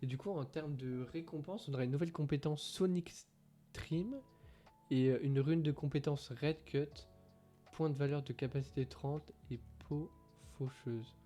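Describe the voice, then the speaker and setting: A man's voice: on the high side, moderate pace, dark tone, soft background music. A man casually reading game patch notes aloud, hesitant and full of fillers, who says English is not his strong point. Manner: hesitant, many fillers, reads translated text aloud. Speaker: gaming streamer.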